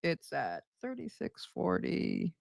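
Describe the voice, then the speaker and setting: A woman's voice: extremely low pitch, huge pitch swings, slow, vocal fry, dry recording. Middle-aged woman doing reaction commentary, sarcastic and scoffy, dry close mic. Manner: sarcastic, scoffing, arguing back at the clip. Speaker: commentary channel host.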